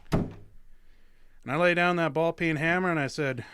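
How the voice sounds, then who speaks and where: A man's voice: fairly high pitch, fairly even intonation, a little slow, a bit bright, slight background noise. An actor playing Buck, a folksy small-town young man who narrates a creepy tale in old-time radio drama style. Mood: narrating.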